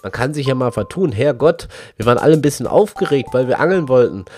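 A man in his thirties with a German accent, a fishing vlogger telling a lively story about a day trip and acting out his friends' lines. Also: mid-range voice, fast, soft background music. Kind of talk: storytelling vlog.

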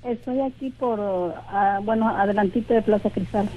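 A woman, calling into a radio show and speaking quietly and flatly. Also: medium pitch, moderate pace, muffled recording. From Veracruz, Mexico. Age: 40s. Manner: quiet, flat, soft-spoken. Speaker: radio caller.

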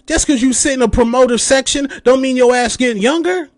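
A podcast host, a man in his late thirties, launches into a heated, profane rant in a high voice, mocking his critics with mimicked quotes. He talks a little fast, and the recording is dry and close with no room sound.

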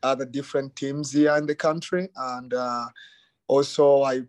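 A middle-aged man from Uganda, a youth soccer academy director, talking in a relaxed interview and often saying "you know" and "um". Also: mid-range voice, normal speed, no room sound. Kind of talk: casual interview.

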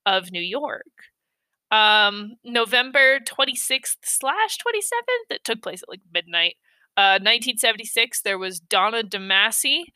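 A young woman hosts a casual true-crime podcast, unhurried and chatty, dropping ums and frank, sometimes crude asides. Her voice is strikingly bright and smooth, recorded close and dry with no room sound. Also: medium pitch, no room sound. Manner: frequent ums and uhs, offhand asides; blunt, swears casually. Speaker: podcast host.

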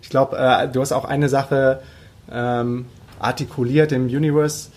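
A man hosting an interview, asking questions in a loose, excited way and mixing in English buzzwords. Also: mid-range voice, unhurried. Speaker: podcast host. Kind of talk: casual interview chat.

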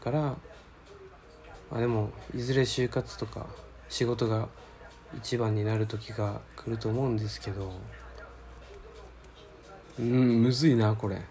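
A man's voice: medium pitch, fairly even intonation, a little slow, pauses often, dark tone. A man hosting a casual solo radio-style show, reading listener mail and talking in a rambling, laid-back, slangy way while searching aloud for his words.

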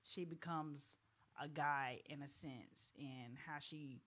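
A woman with a bright, forward voice talks casually as a podcast co-host. She hesitates and stumbles over her words, restarting sentences while she works out her view. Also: low voice, takes it slowly. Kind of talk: casual chat.

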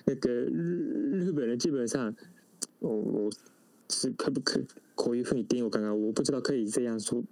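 A man's voice: mid-range voice, brisk, darkish tone. A native Japanese man speaking with a Japanese accent, answering interview questions conversationally and searching for words. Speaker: interview guest.

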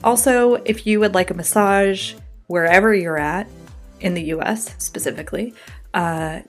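A woman's voice: medium pitch, moderate pace, faint music behind. A woman hosting a podcast, reading ads and chatting casually with a guest in an upbeat way. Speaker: podcast host. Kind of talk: casual podcast chat and ad reads. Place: home in Brooklyn.

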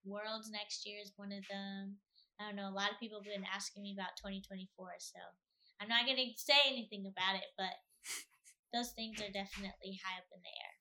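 A young woman talks through her answers in a loose, conversational interview style. Her voice is bright and forward, and she keeps things lively with plenty of filler words. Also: mid-range voice, a little fast. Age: young adult. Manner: chatty, animated, lots of filler "like". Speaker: athlete guest.

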